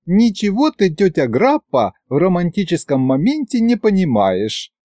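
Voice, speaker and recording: A woman's voice: on the low side, sing-song, normal speed, mellow, no echo, pitched above the performer's own voice. A man voicing a playful, coquettish young bride who teases and drawls languidly. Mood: teasing. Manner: teasing, languid.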